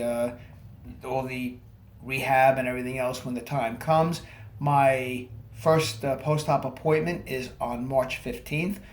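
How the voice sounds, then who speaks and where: A man talks casually to viewers in an echoey room. He sounds slightly groggy after surgery, with a halting delivery and a mid-range voice, as in a personal video diary. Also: mid-range voice. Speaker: vlogger.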